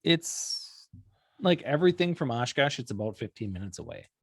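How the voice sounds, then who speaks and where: A young man from Wisconsin chats casually on a podcast, full of joking banter and teasing. His voice sits at an ordinary pitch. The sound is dry and close, with no room echo. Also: very animated, normal speed, a bit bright. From Wisconsin, USA. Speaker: podcast co-host. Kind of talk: casual chat.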